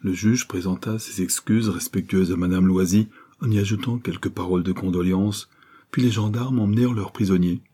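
Low, husky-voiced male storyteller. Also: fairly quick. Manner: steady storytelling. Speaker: audiobook reader. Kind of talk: scripted narration of a novel.

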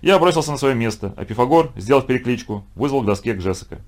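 A man narrating a children's storybook in an expressive, lively manner. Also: mid-range voice, fast talker. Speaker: reader.

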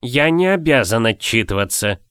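A man's voice: mid-range voice, sing-song, normal speed, a bit bright, smooth, no echo, clean studio sound. A man voicing a head cook in an audiobook, answering with curt, coolly polite irritation.

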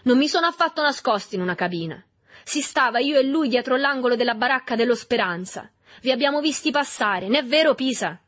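A woman reading a novel aloud, voicing a violent, furious teenage boy who shouts in rage. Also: sits high, lively intonation, brisk, voice pushed up. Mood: defiant. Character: furious freckled teenage boy, sobbing bully.

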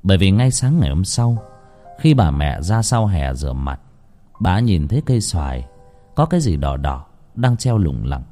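A man narrating a ghost story in a dramatic, expressive manner. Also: on the low side. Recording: faint background music.

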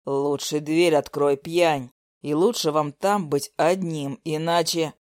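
A woman voicing an impatient, angry young man who growls his words in a lowered voice. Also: fairly even intonation, takes it slowly, darkish tone, no room sound, clean studio sound.

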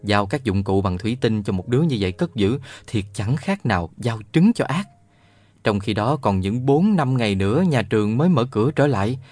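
A man narrating a children's novel aloud in a lively storytelling manner. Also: lowish voice, moderate pace, dry recording. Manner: lively storytelling, voices all the characters. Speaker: audiobook narrator.

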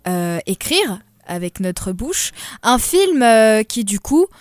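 A woman's voice: on the high side, very animated, takes it slowly, no echo. Giggly young woman guest. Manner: hesitant, giggly explaining. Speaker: podcast guest. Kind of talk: casual podcast banter.

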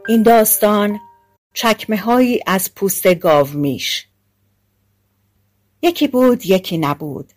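A woman narrating a fairy-tale audiobook in a steady storytelling manner. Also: medium pitch.

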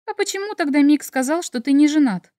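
A woman voicing an indignant, sarcastic young heroine with high, exclaiming lines in an audiobook. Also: expressive, fairly quick, warm tone, dry recording, studio quality. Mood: puzzled. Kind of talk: audiobook character voice.

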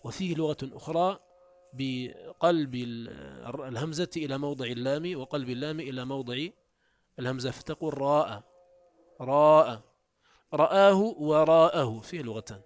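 A man's voice: fairly quick, pauses often. Man explaining a classical grammar text. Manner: reads quoted text aloud, then explains it step by step; pitch jumps up when introducing quotes. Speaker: teacher of Arabic morphology. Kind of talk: classical text commentary lesson.

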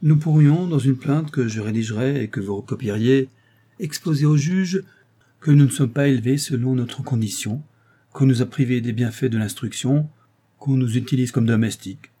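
A man voicing a sly, scheming older lawyer who flatters and insinuates in an audiobook. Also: medium pitch, moderate pace, lightly acted. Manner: wheedling and insinuating.

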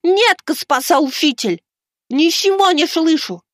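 A man's voice: extremely high pitch, animated, unhurried, fairly bright tone, no room sound, studio quality, voice pushed up, heavily acted. A man doing a cheeky taunting schoolboy. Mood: mocking. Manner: mocking, taunting. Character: mischievous teasing schoolboy, young and cheeky.

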